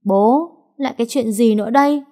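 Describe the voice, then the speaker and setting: A woman's voice: fairly low pitch, lively intonation, moderate pace, a little mellow. A woman reading a story aloud, voicing a spoiled woman near thirty who talks back resentfully to her father.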